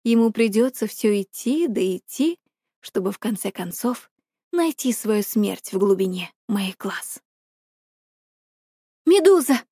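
A woman reading a myth aloud as a calm, brooding first-person narrator. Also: mid-range voice, unhurried, husky, no echo, studio quality. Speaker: audiobook narrator.

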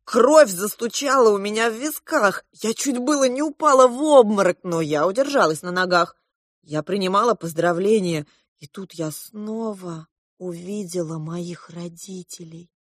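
A woman narrating a storybook in first person, slow and soft-spoken. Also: medium pitch, dry recording, studio quality. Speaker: audiobook reader.

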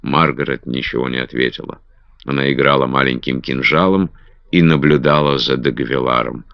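Deep male narrator, dramatic storybook reading; dry, dull audiobook sound. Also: fairly even intonation, moderate pace, creaky, no echo. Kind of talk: scripted narration.

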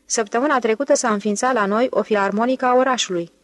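A woman's voice: on the high side, no room sound, lightly acted. A woman reading the part of an eager young male museum director who boasts about his town's progress in an audiobook. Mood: surprised. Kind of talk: audiobook character voice.

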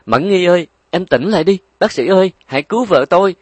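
A panicked young man cries out in alarm, as a male narrator acts him. He is pitched well above a plain voice and pushes hard. The sound is dry and close. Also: expressive, a little fast, slightly rough, no room sound. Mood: frantic. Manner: alarmed, loud and urgent. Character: young man, frantic lover and new father.

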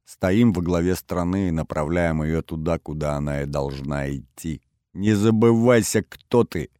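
Hoarse cold power-broker guy, read by a man, deep low voice, blunt and bossy, dry sound. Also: a little slow, dry recording. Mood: threatening. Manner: calm, blunt, domineering. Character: hoarse male spokesman of a shadow government, cold. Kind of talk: audiobook character reading.

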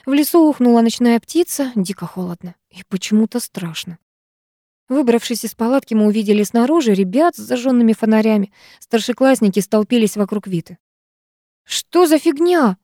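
A woman narrating a first-person audiobook in an even, measured reading. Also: on the high side, no echo, clean studio sound.

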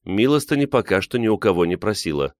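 A man reading an audiobook, voicing a sharp-tongued, bitter young woman who mocks her friends. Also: lowish voice, big pitch swings, fast talker, no room sound, studio quality. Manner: mocking, biting.

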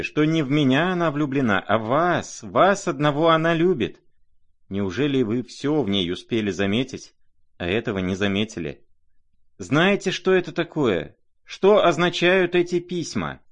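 Guy putting on a fiery jealous young woman, pitched up, demanding questions. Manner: rising, insistent questioning. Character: proud impetuous young woman, sharp and jealous.

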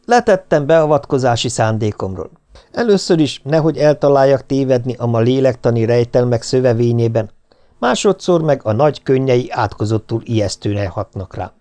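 A man's voice: medium pitch, lively intonation, dark tone. A man narrating an audiobook with a wry, ironic storytelling manner. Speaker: audiobook reader. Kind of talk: scripted narration.

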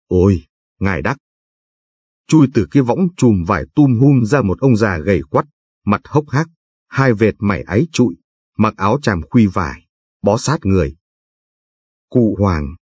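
A man narrating a novel as an audiobook in a measured, steady reading. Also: lowish voice, husky, dry recording.

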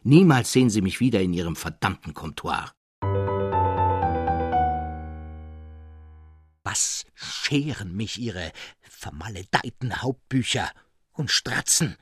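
A man's voice: big pitch swings, unhurried, a little mellow. A man voicing Traugott, a young male painter in frantic despair, exclaiming in a raised voice. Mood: furious. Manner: exclaiming, pitched high.

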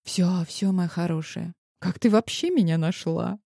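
A woman's voice: lowish voice, measured pace, gravelly, dark tone, dry recording. A woman reading an audiobook voices a firm mother with a dry, sarcastic edge. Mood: soothing. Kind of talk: audiobook character voice.

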